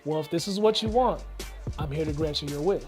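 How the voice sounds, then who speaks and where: A man voicing a fairy godmother in a spoken story, soft, low and matter-of-fact. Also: a little fast, faint music behind, natural voice. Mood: calm. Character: calm, knowing female fairy godmother.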